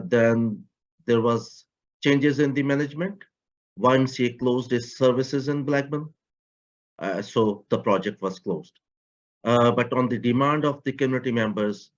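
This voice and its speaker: A man presenting to an online forum in a steady, deliberate way, with the odd turn of phrase. His voice sits in the middle range. The call audio is somewhat muffled. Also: mid-range voice. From Pakistan. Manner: measured, slightly non-native grammar. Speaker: community project coordinator. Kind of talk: prepared talk. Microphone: video call.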